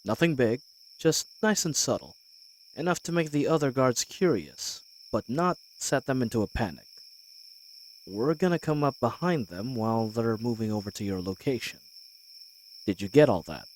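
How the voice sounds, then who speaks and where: In a scripted fantasy audio roleplay, a male voice actor plays a cocky, wary bandit leader plotting a heist, addressing the listener in a hushed, commanding, folksy, and wry way. The acting is light, his voice medium-pitched at a moderate pace, and the poor audio carries a little hiss or hum.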